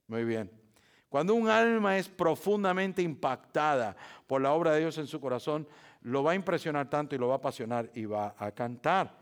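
A man delivers a church sermon as pastor, his voice on the high side with lively intonation and an ordinary pace. His preaching shifts from quiet to loud and emphatic, full of repeated phrases and rhetorical questions to the congregation.

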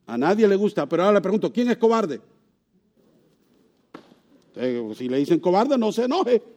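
Very animated and moving at a moderate pace, a male pastor puts rhetorical questions to his congregation during a sermon, with wide swings in pitch and loudness for emphasis.

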